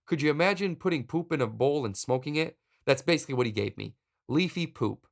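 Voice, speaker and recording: A man voicing a ditzy young stoner woman who talks in goofy drawn-out slang. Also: fairly high pitch, expressive, gravelly, voice pushed up.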